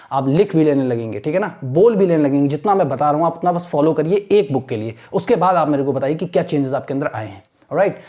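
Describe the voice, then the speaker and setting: A man with an Indian accent teaching an exam-prep lesson, mixing Hindi and English, reading slowly and deliberately and repeating words for his students. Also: on the high side, a little mellow. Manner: slow, deliberate reading aloud with repeated words and frequent "theek hai na".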